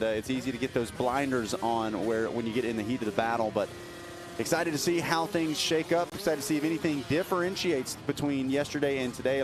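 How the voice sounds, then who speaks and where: Chatty male race commentator, noisy track. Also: medium pitch. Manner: chatty, joking, fast-talking. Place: announcers booth at an outdoor race. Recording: noisy outdoor race broadcast.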